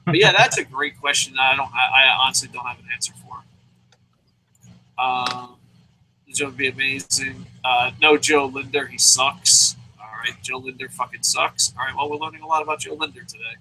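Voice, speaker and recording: A wrestling review podcast host who lives in Japan chats casually, swearing freely, rambling and restarting with stammers. His mid-range, sharp voice moves at a moderate pace with fairly even intonation. The recording is rough, with a little hiss or hum.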